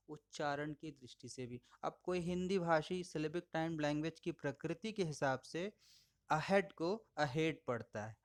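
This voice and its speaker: A man giving a recorded audio lecture, explaining patiently, addressing listeners as friends and slowing down to model words. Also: on the high side. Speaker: English teacher.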